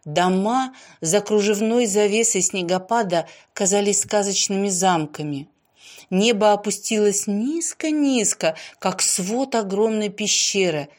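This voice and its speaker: Woman narrator, gentle expressive storybook reading, hushed and drawn-out at quiet moments, medium pitch.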